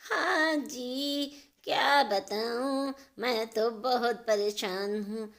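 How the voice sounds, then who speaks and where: A woman voicing a worried, firm middle-aged mother who talks slowly and scolds. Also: fairly high pitch, vocal fry, a bit bright, heavily acted. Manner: slow, scolding.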